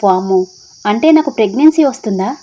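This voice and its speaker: A woman's voice: on the high side, expressive, a little fast, warm tone. A woman voicing a naive, innocent young woman student who asks puzzled questions in an audio story. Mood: baffled. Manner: wide-eyed, puzzled questioning.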